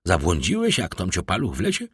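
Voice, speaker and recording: Narrator voicing a wry, jovial editor in an audiobook, low and lively. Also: male voice, a little fast, slightly rough, dry recording, studio quality, heavily acted. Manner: jovial, ironic. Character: wry male newspaper editor, easygoing and teasing. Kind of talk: audiobook character voice.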